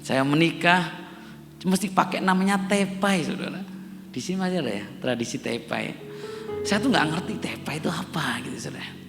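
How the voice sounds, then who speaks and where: A man's voice: on the high side, animated, moderate pace, gravelly, music in the background. A middle-aged man from Java, preaching a sermon to a congregation, addressing them again and again and building to emphatic peaks. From Java, Indonesia. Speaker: pastor. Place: church hall. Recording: long church reverb, faint instrument behind.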